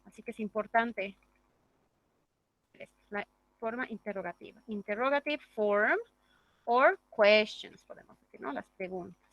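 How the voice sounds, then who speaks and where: A woman's voice: mid-range voice, unhurried, pauses often, fairly bright tone, lo-fi sound. A woman teaching an English grammar class, explaining step by step and checking in with the class through tag questions. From Bolivia.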